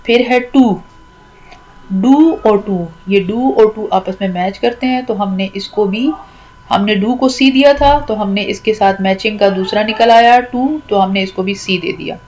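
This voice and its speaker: A woman who grew up speaking teaches a lesson patiently and step by step. She repeats words and draws them out slowly as she points each one out. Her voice sits at an ordinary middle pitch. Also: a little mellow, muffled recording, slight background noise. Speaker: English literature teacher. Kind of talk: classroom-style lesson explaining a rhyme scheme.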